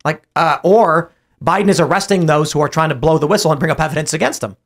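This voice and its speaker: A man hosting a political talk show, telling stories with animated retellings and imitating other people in raised voices. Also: a little high, fast talker. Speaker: podcast host.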